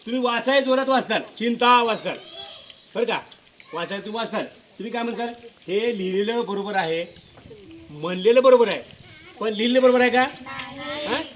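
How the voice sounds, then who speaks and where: A man's voice: sits high, fairly quick, pauses often, slight background noise. A male school teacher giving a classroom lesson to children, repeating questions and coaxing pupils to answer. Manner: repetitive questioning, coaxing pupils with filler prompts.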